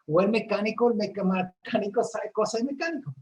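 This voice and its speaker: A woman's voice: mid-range voice, brisk, a little mellow, poor audio. A woman from a church ministry, talking earnestly about her faith in a casual chat, often restarting her sentences. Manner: earnest storytelling with frequent restarts.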